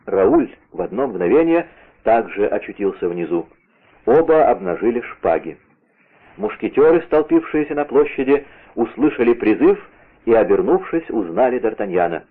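A man's voice: mid-range voice, sing-song, moderate pace. Male narrator on tinny radio. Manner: vivid, theatrical storytelling. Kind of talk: dramatic reading of an adventure novel.

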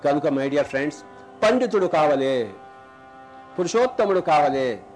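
Telugu-accented guy giving a spiritual talk, high voice, faint music playing behind. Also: big pitch swings, a little mellow. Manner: rhetorical questions, repeats lines for emphasis; chants Sanskrit verses slowly, drawn out. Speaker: spiritual teacher. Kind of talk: spiritual discourse.

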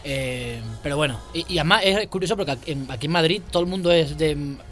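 A man with an Extremaduran accent talks fast, his voice sitting a little high for a man. He tells his stories casually, stumbling and repeating words as he goes. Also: a bit bright. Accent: Extremaduran Spanish. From Extremadura, Spain. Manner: hesitant, repeats words while telling anecdotes. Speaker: guest, chess and music teacher. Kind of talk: casual chat.

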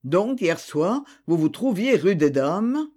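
A stern magistrate, read by a man, presses his questions in short, curt lines. The delivery stays lively in pitch, rising and falling, in an audiobook reading. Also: slow pace, exaggerated voice. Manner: curt, interrogating. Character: stern male investigating judge, cold and probing.

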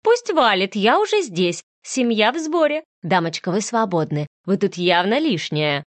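A woman's voice: medium pitch, sing-song, normal speed, no echo, lightly acted. A woman reading an audiobook, voicing a brazen, manipulative young woman who talks in a coy, whiny, melodramatic way. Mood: dismissive.

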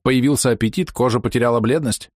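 A man reading an audiobook and voicing a hurried, eager male doctor giving a report. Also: mid-range voice, darkish tone, dry recording, clean studio sound, close to an everyday voice.

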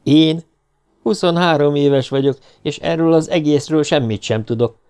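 A man's voice: a little high, darkish tone, smooth, close to an everyday voice. A man reading an audiobook, voicing an agitated, grieving young man in his twenties. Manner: pleading, heated outbursts.

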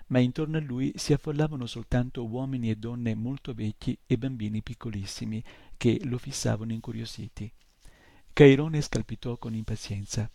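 A man narrating a novel chapter in a steady storytelling manner. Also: mid-range voice, gravelly, no room sound. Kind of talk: audiobook reading.

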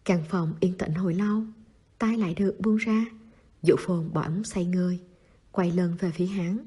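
A woman narrating a novel in a steady, soft storytelling voice. Her tone is mellow and dark, with a breathy, slightly husky edge. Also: fairly low pitch, moderate pace. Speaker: audiobook narrator.

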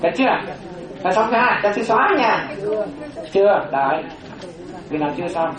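A Buddhist monastic teaching a dharma class, slowly repeating terms for note-taking, with chatty asides. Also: medium pitch, lively intonation, a crowd in the background. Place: classroom with a board. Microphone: distant room microphone. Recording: roomy, distant, dull lo-fi room recording.

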